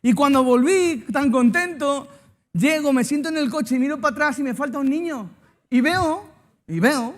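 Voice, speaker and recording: This Spanish-accented man from Spain has a very high-pitched, fairly bright voice. He's a pastor delivering a sermon, sharing a personal story and trading jokes and banter with his congregation.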